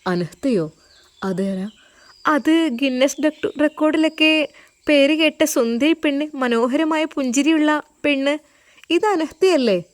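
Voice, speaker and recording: A woman voicing a curious young woman lawyer who asks excited questions in a told story. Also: medium pitch, slow pace, long pauses, no room sound, natural voice.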